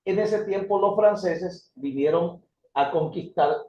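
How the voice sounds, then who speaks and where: A man's voice: sits high, takes it slowly, slight background noise. A man teaching a theology history class, calling his students brothers, his voice rising and falling as he explains. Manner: addresses students as brothers, lively rises and drops. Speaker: theology instructor. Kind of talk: classroom lecture. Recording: echoey room, dull lo-fi sound.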